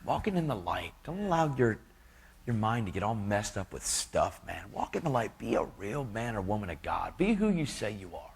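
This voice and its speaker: A man's voice: on the low side, very animated, moderate pace, vocal fry, slightly rough. A man giving an earnest, casual testimony in a preaching style, full of slang.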